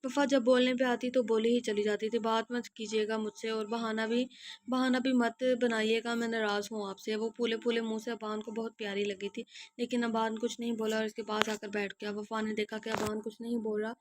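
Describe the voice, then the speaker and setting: A hoarse woman reading a romance novel aloud and voicing all its characters, often clearing her throat and restarting words. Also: flat delivery, no room sound. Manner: narrow pitch range, stumbles and restarts words. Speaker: audio novel narrator.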